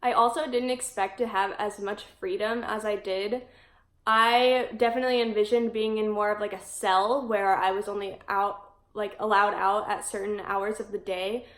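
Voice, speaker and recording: A woman in her twenties chatting casually to camera in a vlog, filling her talk with "like" and quick laughs. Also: mid-range voice, echoey room. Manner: chatty, peppered with "like", frequent laughs. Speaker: vlogger. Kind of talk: casual talking-head vlog.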